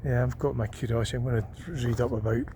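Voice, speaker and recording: With a mellow mid-range voice and a steady tone, a travel vlogger speaks fast while moving around a small town, sometimes driving and sometimes walking. He thinks aloud casually, full of ums and restarts. Slight background noise can be heard.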